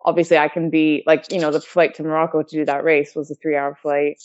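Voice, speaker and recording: A woman from Canada chatting in a relaxed interview, laughing often and using lots of fillers. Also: deep voice, fast talker. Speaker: guest. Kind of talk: casual conversation. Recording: dull lo-fi audio.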